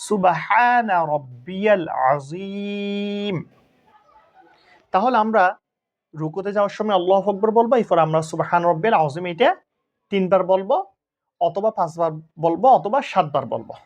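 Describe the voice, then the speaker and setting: A man teaching Quran reading. He spells Arabic syllables out letter by letter and chants whole prayers in a slow, drawn-out recitation. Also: high voice, darkish tone, lo-fi sound. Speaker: religious teacher.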